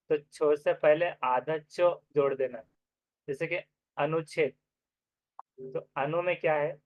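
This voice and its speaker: A man teaching an exam-prep grammar lesson, explaining step by step and repeating each example slowly. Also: a little high, dry recording. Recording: dry, phone-like narrow sound.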